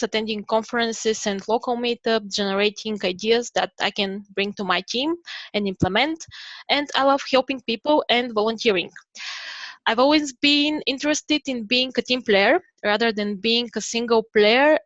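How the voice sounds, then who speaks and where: A woman from Bulgaria presents a prepared talk in a steady, slightly careful way. Her voice sits a little high and sounds dry, with no room around it. The dull, muffled call audio takes the top off her voice. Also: dry recording. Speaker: conference speaker. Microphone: video call.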